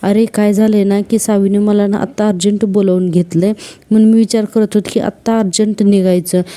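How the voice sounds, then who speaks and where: A woman plays a sweet young wife who coaxes her husband with a soft, pleading manner. The tone is dark and mellow, read plainly as in a storybook recap. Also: mid-range voice, flat delivery, brisk, close to an everyday voice. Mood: coaxing.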